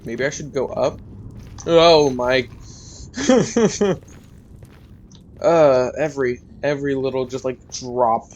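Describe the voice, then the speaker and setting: A man's voice: medium pitch, steady tone, measured pace, rough recording. A young man giving casual, rambling gameplay commentary, muttering to himself and joking at his own expense. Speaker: gaming YouTuber.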